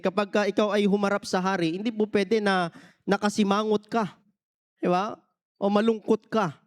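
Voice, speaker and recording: A man from the Philippines preaching a sermon as pastor, mixing English phrases into his talk and often asking the congregation to answer back. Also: high voice. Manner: peppers every point with questions to the congregation.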